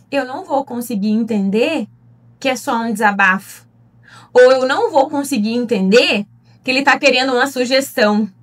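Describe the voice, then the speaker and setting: A woman's voice: high voice, a bit bright. A Brazilian woman, a relationship therapist, giving an earnest teaching talk and asking her listeners direct questions. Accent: Brazilian Portuguese. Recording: voice a bit distant from the mic.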